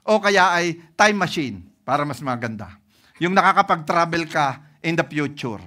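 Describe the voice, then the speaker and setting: A man's voice: on the high side, normal speed. A man with a Filipino accent preaching a sermon as pastor, telling stories and often checking in with the congregation. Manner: lively storytelling with frequent "ano?" and "no?" checks to the congregation.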